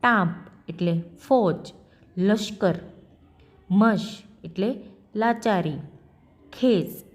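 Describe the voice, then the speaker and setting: A woman teacher with a Gujarati accent, reading a school lesson aloud and explaining words one by one in a slow, deliberate dictation. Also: medium pitch, darkish tone, lo-fi sound.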